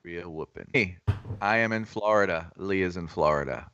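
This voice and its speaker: A man's voice: sits low, normal speed, fairly bright tone, clear, resonant tone, no room sound, dull audio. A man hosting a casual trading livestream, teasing his co-hosts and swearing freely. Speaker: stock trading stream host. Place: home, in Florida.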